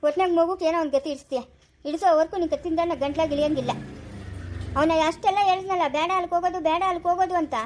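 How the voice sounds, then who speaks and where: A woman with a rural Kannada accent from the Chikkaballapura area, playing a quarrelsome village mother-in-law in a family skit, scolding fast and sharply. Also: very high voice, fairly even intonation, background noise.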